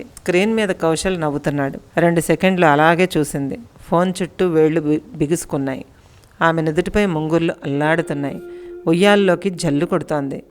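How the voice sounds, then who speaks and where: A woman with a fairly low voice reads a romantic tale as an audiobook, calm and steady, and gives the characters' lines small changes of voice. Soft music plays faintly under her narration. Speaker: storyteller.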